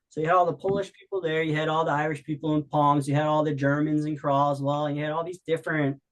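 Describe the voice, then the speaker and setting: A man's voice: medium pitch, rough recording. A young man hosting a podcast, talkative and enthusiastic, full of "like"s. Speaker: podcast host. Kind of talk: casual chat.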